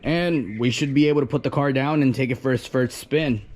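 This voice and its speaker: A hoarse young man losing his voice, chatting excitedly as he works on his car and takes it for a drive. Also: medium pitch, brisk. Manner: excited, chatty, shouting over engine noise. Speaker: car vlogger. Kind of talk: casual garage vlog.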